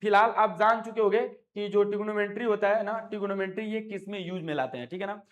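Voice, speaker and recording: A man's voice: high-pitched, quick pace, lo-fi sound. A male maths teacher explaining a lesson, coaxing his students with affectionate call-and-response questions and repeated check-ins. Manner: affectionate, repeats "है ना" and "ठीक है बाबू". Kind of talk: classroom explanation.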